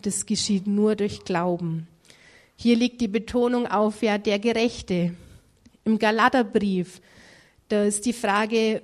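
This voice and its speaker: A woman giving a devotional Bible teaching in a calm, earnest, measured way, pausing now and then with small fillers. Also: on the high side.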